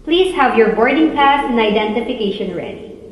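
A woman in her twenties giving a formal, measured, scripted airport and cabin announcement as a flight attendant. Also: on the high side, lively intonation. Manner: formal, measured public-address delivery. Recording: echoey, reverberant, faint background noise.

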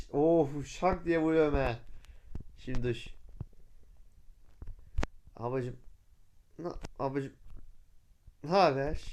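A young man with a Turkish accent giving casual, excitable commentary while playing a video game, whooping loudly at stunts. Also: mid-range voice, slight background noise. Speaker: gameplay YouTuber.

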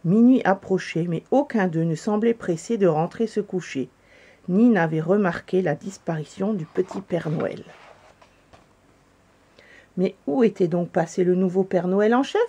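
Woman storyteller, calm children's story reading, mellow voice. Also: on the low side, unhurried, husky. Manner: calm, gentle narration.

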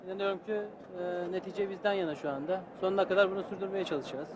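A man's voice: high voice, fairly even intonation, fast talker. A man, a football player giving a spontaneous interview at the ground. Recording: noisy outdoor stadium interview, loud crowd. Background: stadium crowd.

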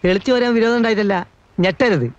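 An actor playing a nervous, fussy middle-aged household helper, giving anxious, secretive warnings. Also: male voice, high voice, lively intonation, fast, dry recording, highs cut off. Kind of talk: film dialogue.

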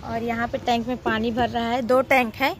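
Young woman vlogger, high bright voice, casual phone-camera chat, faint room noise. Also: flat delivery, normal speed. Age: 20s. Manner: chatty, shows things to viewers. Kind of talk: casual home vlog chat. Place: home kitchen and rooftop.

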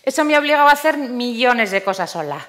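A woman's voice: a little high, lively intonation, fast, fairly bright tone. A middle-aged woman from Spain delivering a theatrical first-person monologue on a stage, ironic in tone and repeating words for effect. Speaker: speaker giving a monologue.

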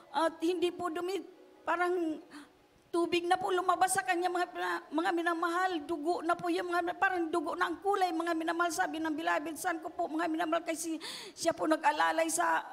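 A woman's voice: very high voice, creaky, a bit bright, big-room sound. Fields: Sex: woman. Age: middle-aged. Style: tearful church testimony. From Philippines. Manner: repeats a fond address to the congregation, tearful at times. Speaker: church member giving testimony.

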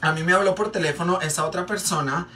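A man's voice: high voice, fast, bright, forceful tone. A man with a Mexican Spanish accent, chatting and rambling in a casual gossip storytime while doing makeup for a vlog, with many fillers and repeats. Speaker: makeup vlogger. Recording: distant mic, faint background noise.

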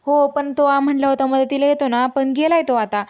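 A woman's voice: high voice, flat delivery, moderate pace, darkish tone, close to an everyday voice. A woman voicing a young male caretaker who scolds and fusses over the lady he looks after, in a retold serial story. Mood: scolding. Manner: scolding, bossy.

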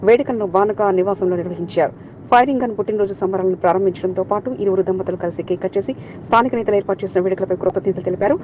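A woman's voice: medium pitch, a little hiss or hum. A woman reading scripted local news as a voice-over, rattling through long lists of names. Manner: rapid, even newsreading through long name lists. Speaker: news reader.

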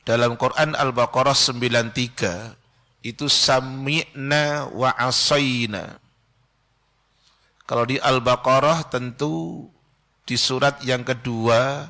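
A middle-aged man giving a Friday sermon from a mosque pulpit, slow and measured, with quick Arabic recitation. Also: mid-range voice, pushed and bright. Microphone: stand mic close to mouth.

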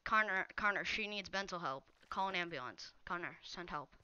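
A woman's voice: lowish voice, moderate pace, bright, forceful tone, clean tone, muffled recording. A young woman live-streaming a game, chatting casually and teasing viewers as she reads their messages. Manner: teasing, talks straight to viewers reading chat. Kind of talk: casual live-stream chat while gaming.

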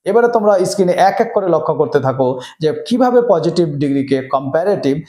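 A man teaches grammar in a fairly high voice, speaking straight to his students. He walks through each rule step by step. The room around him is echoey. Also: lively intonation, brisk, dark tone. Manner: explains step by step, addressing students directly. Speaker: English teacher. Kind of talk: classroom grammar lesson. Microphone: camera mic, presenter on screen.

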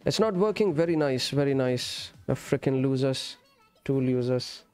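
At a normal pace, a man with a mid-range, darkish voice that is clear and resonant chats with lively intonation while streaming a game. He switches between Urdu and English and calls his viewers friend and brother in a friendly way, with music behind him indoors.

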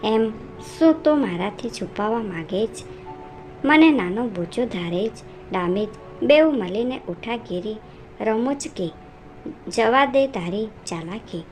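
A woman's voice: a little high, lively intonation, takes it slowly, darkish tone. A woman voicing a fierce, scolding police officer. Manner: scolding, contemptuous. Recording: narration over music.

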